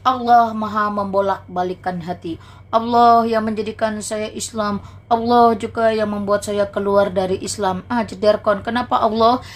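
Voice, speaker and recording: A woman's voice: medium pitch, fairly even intonation, normal speed. A woman hosting a livestream who preaches combatively, mocks and taunts her viewers, and repeats phrases to hammer her point home. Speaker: livestream host.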